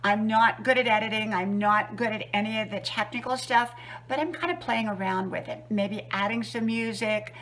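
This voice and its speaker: A woman in her sixties vlogging casually while out on a run, chatty and reflective, offering gentle homespun advice outdoors. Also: medium pitch, moderate pace, a little hiss or hum, rough recording. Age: 60s. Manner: chatty, reflective, talking while running at an easy pace. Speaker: vlogger with a wisdom channel. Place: outdoors on a trail and roadside.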